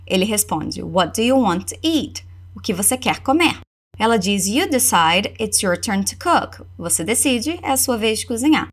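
A Brazilian woman teaching English in a lesson, explaining quick and modeling phrases slowly for repetition. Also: medium pitch, expressive. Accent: Brazilian Portuguese. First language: Portuguese. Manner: slow, over-articulated model phrases between quick explanations. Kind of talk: language lesson with repeat-after-me drills.

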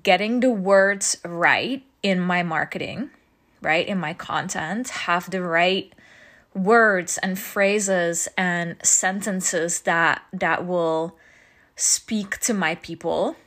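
Slow-talking, breathless woman coach. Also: on the low side, fairly bright tone. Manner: chatty, says "right?" often, laughs often. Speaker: business coach. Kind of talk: casual teaching talk.

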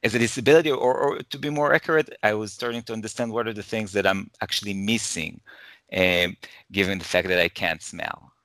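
A man's voice: lowish voice, steady tone, fairly quick, a bit bright, no room sound. A man from Israel, a professor and guest in an interview, talking hesitantly and repeating his words. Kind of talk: interview conversation.

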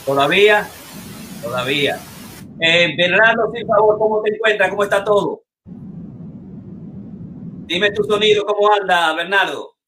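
A man hosting an online poetry session over a video call, checking sound and then reading a poem slowly and emphatically. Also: high-pitched, pushed and bright, slight background noise. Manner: slow, deliberate, emphatic reading with sighing exclamations. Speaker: host of online masterclass.

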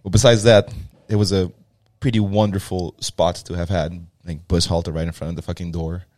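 Man, young adult, low voice, dry close sound, casual swearing storyteller. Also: little pitch movement, fairly quick, darkish tone, dry recording. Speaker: gym co-founder. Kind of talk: casual podcast chat.

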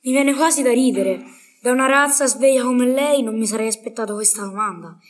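A woman's voice: fairly high pitch, fairly quick, close to an everyday voice. A woman playing a learned, proud medieval male poet in a scripted radio interview, speaking in a formal, didactic way. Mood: condescending. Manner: formal, didactic, bookish phrasing.

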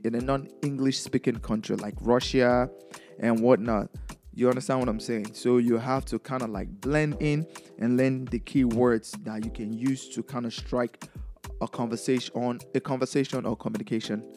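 A man's voice: medium pitch, a little mellow. A man from Nigeria with a Nigerian accent, a DJ giving casual, chatty advice in a vlog and laughing often.

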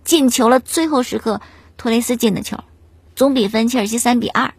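Female host, casual storyteller; breathy, slightly high voice, dry close sound. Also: brisk, no room sound. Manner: chatty, animated storytelling with rhetorical questions. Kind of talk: casual storytelling commentary on football.

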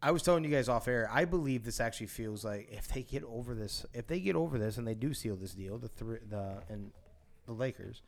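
Podcast co-host, man, mid pitch, excitable and insistent. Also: brisk, creaky. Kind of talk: casual sports chat.

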